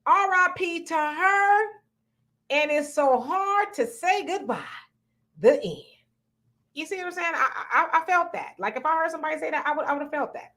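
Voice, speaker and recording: A livestream host with a high voice and lively intonation talks at a moderate pace with a slightly bright tone. She's reading viewer comments and chatting about them frankly and playfully.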